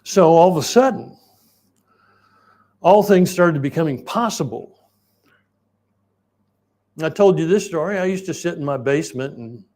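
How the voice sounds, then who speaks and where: A man, preaching a sermon in a folksy, rambling storytelling way and clearing his throat now and then. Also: a little high, darkish tone. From Oklahoma, United States. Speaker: pastor.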